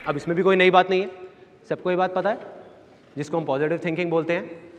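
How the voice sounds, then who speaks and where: High-voiced man telling stories on stage. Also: fairly even intonation, fast, lo-fi sound, a crowd in the background, noisy background. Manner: storytelling, acting out quoted voices, repeating key phrases. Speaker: motivational speaker. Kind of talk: live seminar talk. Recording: long hall reverb, faint audience.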